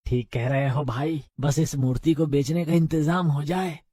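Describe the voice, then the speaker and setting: A scheming accomplice thief, voiced by a man, speaks in a high, dry voice. He murmurs his agreement in a conspiratorial manner in this cartoon tale. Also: fairly even intonation, moderate pace, mellow, slightly rough, no room sound.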